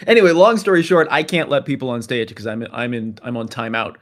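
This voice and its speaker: A man's voice: mid-range voice, lively intonation, a little fast, fairly bright tone. A man moderating a casual chat, joking and playful.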